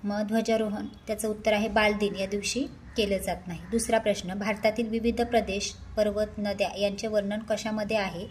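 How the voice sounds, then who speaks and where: A woman teacher talks through practice exam answers one question at a time. She reads each question aloud, then explains the answer patiently and methodically. Her voice sits at a middle pitch, and a faint room noise stays in the background. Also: level tone, fairly quick, few pauses.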